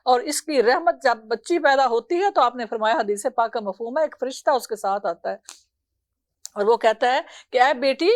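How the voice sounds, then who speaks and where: A middle-aged woman preaching a sermon, telling a story with emotional sighs and laments. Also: fairly high pitch. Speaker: religious preacher.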